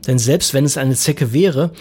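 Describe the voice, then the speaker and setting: A man's voice: medium pitch, a little slow, warm tone, slightly rough, soft background music. A man voicing a sleepy, matter-of-fact woman who patiently corrects her partner in a dry tone, in a read-aloud story.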